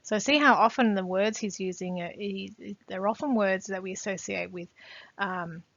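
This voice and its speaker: A woman teacher giving a poetry lesson, pausing often with fillers and reading quoted lines with more force. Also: mid-range voice, creaky, a bit bright, dry recording. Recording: dull, slightly muffled recording.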